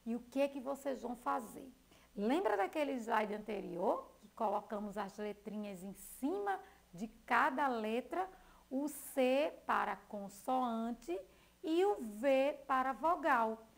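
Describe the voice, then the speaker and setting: A Brazilian woman teaches young children in a recorded lesson, spelling out letters one at a time. Her voice sits fairly high and moves widely in a sing-song way. She talks slowly, with a touch of gravel at the ends of phrases. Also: animated. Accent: Brazilian Portuguese.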